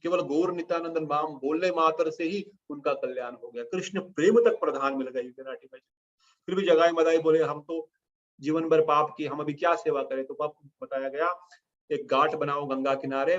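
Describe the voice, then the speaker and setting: Animated man telling devotional stories. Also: on the high side, moderate pace. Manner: animated storytelling, mixing in English phrases. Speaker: preacher. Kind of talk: devotional sermon. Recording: dull lo-fi recording.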